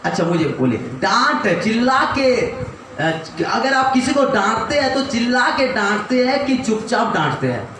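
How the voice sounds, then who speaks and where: A man's voice: extremely high pitch, sing-song, a little slow, far from the mic, slight background noise. A man preaching a sermon as pastor, leading the congregation in call and response. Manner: call-and-response preaching, urging the crowd to shout. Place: church hall. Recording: echoey hall, mic from afar.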